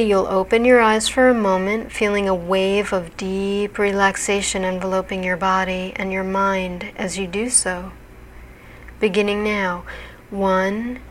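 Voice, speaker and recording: A woman narrating a guided hypnosis relaxation in a soothing, deliberate, measured manner. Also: mid-range voice, a little hiss or hum.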